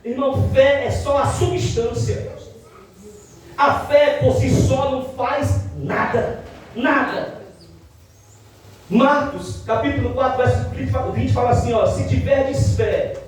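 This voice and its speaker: A male pastor from Ceará, preaching a testimony sermon and acting out dialogue with dramatic slowdowns. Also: very high voice, far from the mic, a little hiss or hum. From Ceará, Brazil. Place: church. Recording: echoey church hall, mic from afar.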